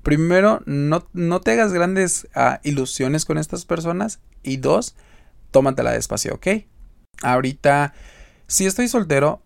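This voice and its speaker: A man's voice: fairly high pitch, lively intonation, a little slow, gravelly, no room sound, studio quality. A man with a Mexican accent hosting a podcast, talking straight to the listener in a chatty, emphatic way as he gives advice. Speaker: podcast host. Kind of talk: casual advice monologue.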